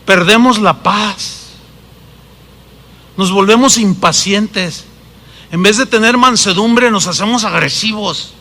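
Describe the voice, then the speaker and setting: A man preaching a sermon as a pastor, with a Mexican Spanish accent, animated and swinging between loud and hushed delivery. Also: sits high, takes it slowly, long pauses, long reverb tail.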